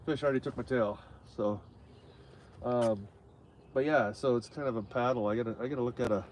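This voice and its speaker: A man with a stuffy nose hosts a casual live fishing stream from a boat on a lake, rambling along with plenty of fillers and restarts. His mid-range voice sounds a little mellow, and there's slight background noise.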